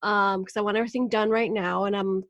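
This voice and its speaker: A woman's voice: medium pitch, fast, no echo, highs cut off. Candid woman from Venezuela, dry sound. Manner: candid, animated, laughs often. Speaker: podcast guest, wellness coach. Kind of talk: casual interview talk.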